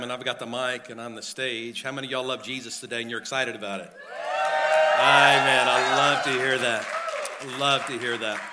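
A pastor with a drawl delivers a sermon through a pulpit microphone in a church sanctuary. His voice is sharply bright and forward. He talks earnestly, circling back over his phrases with plenty of filler words. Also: mid-range voice. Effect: speaking at a pulpit microphone.

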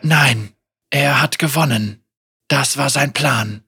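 A man's voice: mid-range voice, slow, breathy edge, full character voice. A man voicing a young woman worn down by torment, crying out in despair and then snapping back in defiance through clenched teeth. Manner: shouting in anger, teeth clenched.

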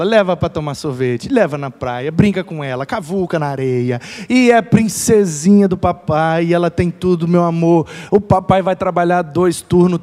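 High, lively male preacher in a hall. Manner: animated storytelling with laughter. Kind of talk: lively church talk. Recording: echoey hall reverb.

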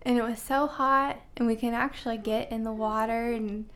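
A woman's voice: fairly high pitch, steady tone, normal speed, a crowd in the background. A woman joining her husband's podcast as a guest, chatting casually in a hesitant way with lots of fillers. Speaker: guest, host's wife. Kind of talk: casual chat.

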